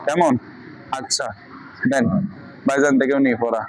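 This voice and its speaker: A man's voice: mid-range voice, normal speed, a crowd in the background. Man teaching Arabic letters to a noisy class. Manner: patient, quizzing students with repeated questions. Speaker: Quran reading teacher. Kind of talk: online class lesson.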